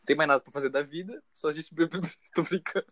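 A man's voice: on the high side, fast, a bit bright, dry recording. A young Brazilian man with a Brazilian Portuguese accent, co-hosting a podcast in casual, jokey chat and laughing often. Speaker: podcast co-host.

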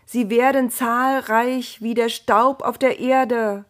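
A woman's voice: fairly high pitch, steady tone, slow pace, a bit bright, pitched above the performer's own voice. A woman voicing a lofty divine voice in a storybook, raised, solemn and emphatic. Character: lofty divine voice making grand promises. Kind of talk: storybook narration.

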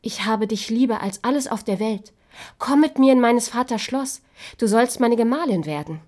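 A woman's voice: on the high side, lively intonation, moderate pace, a little mellow, voice pushed up, natural voice. A woman voicing a joyful, devoted young prince in a storybook reading, speaking in a raised, eager voice.

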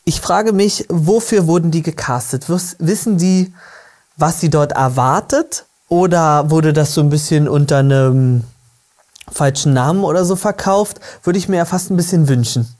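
A woman's voice: low voice, moderate pace, darkish tone. A woman hosting a casual reaction podcast, chatty and gushing as she comments. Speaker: podcast host.

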